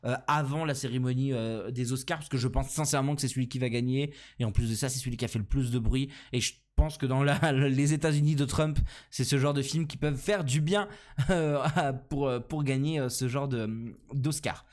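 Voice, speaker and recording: A young man with a French accent talks through a casual solo podcast at a middle pitch. He rambles and pokes fun at himself, filling the gaps with hesitations and restarting his sentences. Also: fairly even intonation, brisk, darkish tone. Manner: rambling and self-deprecating, many fillers and restarts. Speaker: podcast host.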